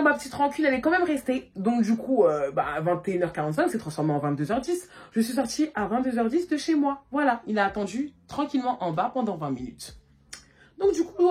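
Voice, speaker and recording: A woman vlogger telling a story in a casual, animated way, talking loosely and full of filler words, recorded on a phone. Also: high-pitched, husky. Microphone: phone camera.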